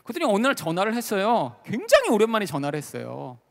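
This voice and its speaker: A man preaching a sermon as a pastor, telling a personal story with animated, emotional delivery and lots of fillers. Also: sits high, fast, vocal fry. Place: large worship hall at a retreat. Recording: long reverb of a large hall.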